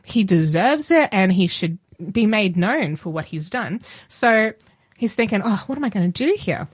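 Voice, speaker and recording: An Australian woman hosting a casual Bible discussion, retelling the story with lively acted-out asides. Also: medium pitch, breathy edge, dry recording, studio quality. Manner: animated, acts out characters in quick asides. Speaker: Bible study host.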